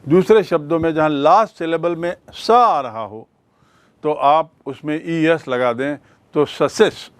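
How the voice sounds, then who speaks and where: Slow, patient Hindi-accented male teacher. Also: fairly high pitch, clean tone, no room sound. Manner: patient, repeats key words as questions to the class. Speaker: English grammar teacher. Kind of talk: classroom lesson explaining rules.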